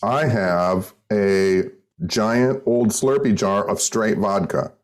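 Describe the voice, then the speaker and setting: A man's voice: on the low side, takes it slowly. Candid, swearing man podcast host. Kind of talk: casual chat.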